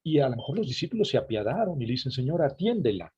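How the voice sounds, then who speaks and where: A man's voice: mid-range voice, big pitch swings, very fast, mellow, slightly rough, highs cut off. A man lecturing on a scripture passage in an online class over a video call, explaining as he goes and turning to his listeners with asides. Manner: engaging, often addresses listeners with asides.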